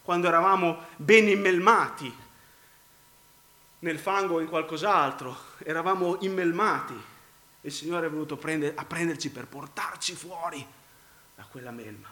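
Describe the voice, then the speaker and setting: A congested man preaches a sermon at a moderate pace in a reverberant space, often clearing his throat. He swings between loud emphasis and low, quiet phrases, repeating his words.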